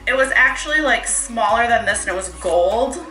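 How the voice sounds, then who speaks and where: A woman's voice: fairly high pitch, animated, normal speed, sharp tone, echoey room, soft background music, low-quality recording. A young woman and hair stylist chatting casually through a home tutorial, rambling with lots of fillers and asides, a bit out of breath.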